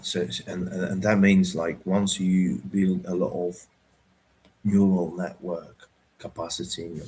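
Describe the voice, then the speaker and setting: Male streamer, deep and unhurried, filler-heavy, keeps checking in with "right?". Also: a little mellow, a little hiss or hum, poor audio. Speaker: trading educator. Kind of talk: unscripted livestream talk.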